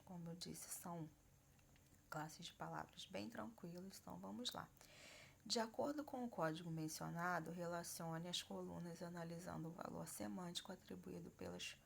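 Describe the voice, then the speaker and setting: A woman's voice: on the low side, gravelly, slight background noise. A woman teacher explaining grammar in a patient, explanatory way, often checking in with her students. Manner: explanatory, frequent check-ins. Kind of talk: grammar lesson.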